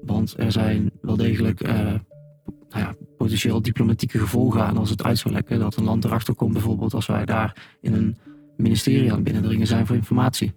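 A man answering interview questions in careful, measured explanations, his voice disguised by an electronic deep pitch shift to hide who he is. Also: monotone, music in the background. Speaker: government hacker interviewed anonymously.

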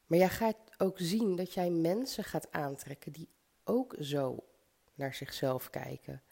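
A woman's voice: low voice, measured pace, vocal fry, mellow, breathy edge. A woman with a slight cold and stuffy nose, giving an encouraging motivational podcast monologue straight to the listener. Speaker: podcast host. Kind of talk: motivational self-help podcast monologue, addressing the listener directly.

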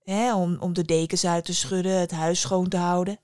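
A woman voicing a kindly magical woman in a storybook tale, speaking gently and soothingly. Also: fairly low pitch, flat delivery, moderate pace, clean tone, dry recording, studio quality, natural voice. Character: kindly old magical woman of the little house.

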